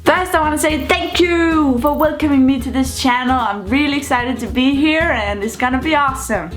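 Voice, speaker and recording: A woman's voice: high voice, normal speed, faint music behind. A woman from Denmark, vlogging casually to camera in a bubbly, playful way with jokey asides. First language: Danish.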